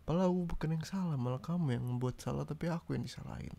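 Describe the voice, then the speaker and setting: Gravelly, dark-voiced young man in boyfriend role-play. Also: fairly high pitch, rapid-fire. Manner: pouty, nagging boyfriend complaints. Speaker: ASMR roleplay creator.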